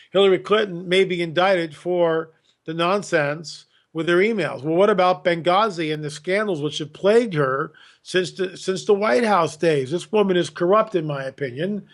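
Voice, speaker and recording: A man on a podcast as a guest, giving emphatic, opinionated talk, often repeating words and mockingly mimicking others. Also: high voice.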